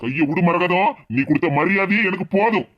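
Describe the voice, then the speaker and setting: Woman voicing a protective cartoon older brother, stern, Tirunelveli Tamil accent, quick speech. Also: on the low side, expressive, muffled recording, a loud crowd, close to an everyday voice. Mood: cold. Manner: stern and scolding.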